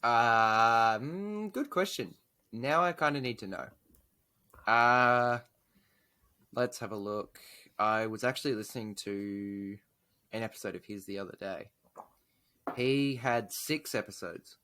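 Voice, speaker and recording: A man's voice: medium pitch, takes it slowly, long pauses, bright, forceful tone, clean tone. A young man co-hosting a casual podcast, teasing his friend and rambling as he talks. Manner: teasing, rambling with fillers and restarts. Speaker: podcast co-host.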